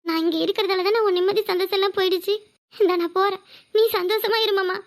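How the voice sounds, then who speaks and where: Woman doing a very high, hurt cartoon wife. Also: steady tone, fast. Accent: Tirunelveli Tamil. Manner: reproachful, pleading with her husband. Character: hurt young wife, tearful and defiant. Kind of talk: cartoon voice acting.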